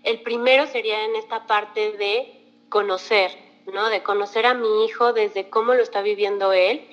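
A woman's voice: mid-range voice, steady tone, moderate pace, lo-fi sound. A woman psychologist, explaining in a podcast conversation and acting out short example dialogues.

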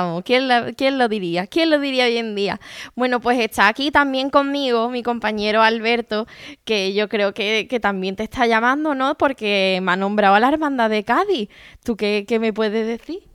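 Woman podcast host, smooth crisp voice, dry sound, chatty. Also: a little high, moderate pace, a bit bright, no echo. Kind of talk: casual interview.

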